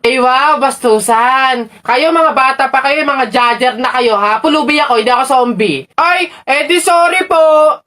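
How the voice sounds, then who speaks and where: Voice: high-pitched, sharp tone. Performer doing an indignant ranting beggar man. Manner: offended, ranting fast.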